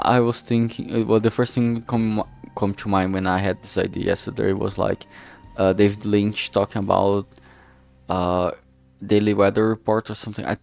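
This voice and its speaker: Speaking off the cuff to his stream, this streamer and amateur game writer has a lowish, strongly creaky voice with a darkish tone. He rambles, halts, stumbles hunting for words and often loses his thread, tossing in casual swearing. It's casual livestream chat over a filtered streaming mic, with music in the background.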